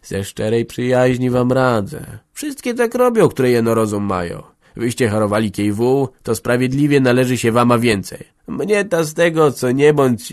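A man reading an audiobook, voicing a sly village headman who coaxes in a slow, confiding way. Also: mid-range voice, close to an everyday voice. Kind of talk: audiobook character voice.

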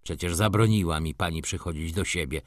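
A man's voice: deep voice, a little fast, no room sound, clean studio sound, natural voice. A man voicing a cold, brooding merchant. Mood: cold bitter. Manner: restrained, cool, bitter. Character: brooding middle-aged merchant, cold and bitter. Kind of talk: audiobook character reading.

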